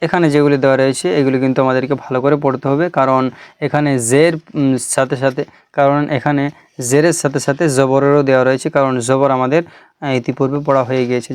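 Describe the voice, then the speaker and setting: A man teaching Quran reading who explains briskly and then recites letter drills slowly and clearly. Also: medium pitch, steady tone, darkish tone, dry recording. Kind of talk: recitation lesson.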